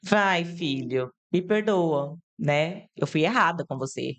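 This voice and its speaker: A woman's voice: sits low, animated, slow. A woman hosting a conversational podcast, explaining points to her audience in a chatty way with frequent tag questions. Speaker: podcast host. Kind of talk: conversational interview.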